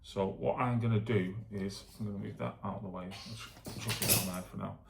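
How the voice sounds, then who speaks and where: A man with a gravelly voice chatting casually as a vlogger, thinking aloud in a self-deprecating, rambling way while demonstrating exercises. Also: fairly low pitch, fairly even intonation, fairly quick, very noisy. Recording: echoey room.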